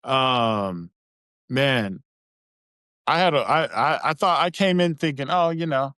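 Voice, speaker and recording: A man's voice: mid-range voice, lively intonation, slow pace, sharp tone, no room sound, studio quality. A man guesting on a podcast, laid-back and casual, laughing often and using slang. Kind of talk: casual interview chat.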